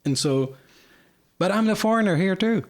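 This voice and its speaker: This is a Lebanese podcast guest chatting casually at home, his high voice expressive and his pace normal. He rambles candidly, with frequent "like" and "you know" filling his speech.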